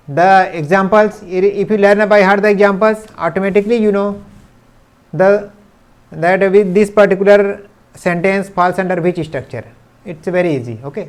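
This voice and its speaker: A man teaching English grammar in a video lesson, explaining patiently and slowly repeating English example sentences. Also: sits high. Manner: mixes English sentences into his speech. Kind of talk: classroom-style video lesson.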